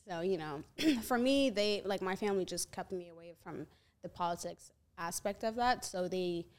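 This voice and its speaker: A young woman from Ethiopia talks as a guest on a casual podcast. Her voice sits a little low for a woman, and she rambles in a relaxed way, stringing thoughts together with "like" and "you know". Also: moderate pace. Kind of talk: casual chat.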